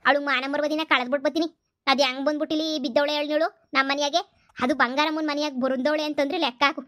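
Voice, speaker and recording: A woman voicing a scheming, bossy village mother-in-law in a cartoon comedy, scolding and wailing loudly. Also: sits high, fairly even intonation, quick pace, no room sound, studio quality. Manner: bossy, scolding, wails theatrically.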